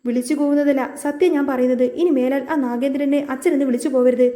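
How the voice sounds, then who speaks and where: A fierce middle-aged mother who scolds sharply, read by a woman. The voice is high and rushed. The recording has a roomy echo. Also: fairly even intonation, dark tone, natural voice. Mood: furious. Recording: echoey room.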